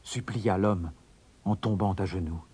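A man's voice: low voice, a little slow, mellow, slightly rough. A man narrating a fairy tale in a scripted, suspense-building storybook reading.

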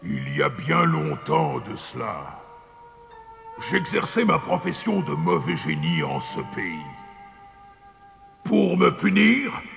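A man voicing a huge, vengeful male genie who roars his threats in a gravelly voice. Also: a bit bright, big-room sound, heavily acted. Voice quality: booming, gravelly.

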